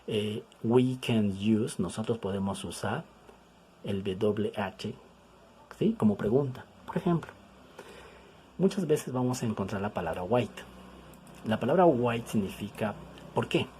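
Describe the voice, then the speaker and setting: Slow, low-voiced male English teacher. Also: lively intonation, a little mellow, a little hiss or hum, poor audio. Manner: explains in Spanish, repeats English examples slowly; checks in with the class, asking ¿sí?. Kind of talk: recorded language lesson.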